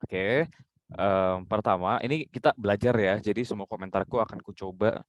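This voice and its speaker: A man's voice: on the low side, fairly even intonation, moderate pace, dry recording, muffled recording. A man mentoring journalism students, giving direct, instructive feedback and demonstrating intonation himself. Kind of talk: coaching critique.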